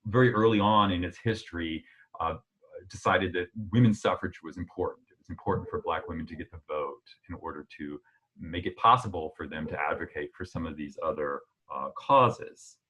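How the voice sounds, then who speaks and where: A man giving an illustrated history lecture in a relaxed, conversational way, with frequent "uh" fillers and sudden jumps in pitch for emphasis. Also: fairly quick, breathy edge, dull audio.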